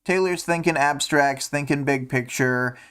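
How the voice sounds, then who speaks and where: A man's voice: on the high side, a little slow, fairly bright tone, clear, resonant tone. A man hosting a casual livestream, talking through a story chapter and thinking aloud with many fillers and restarts. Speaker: livestream host discussing a web serial.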